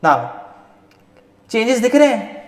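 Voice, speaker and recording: A man's voice: very high voice, big pitch swings, slow pace. A man teaching a live online class. He mixes Hindi and English and keeps checking in with "right?". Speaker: Photoshop instructor. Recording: roomy echoey long reverb.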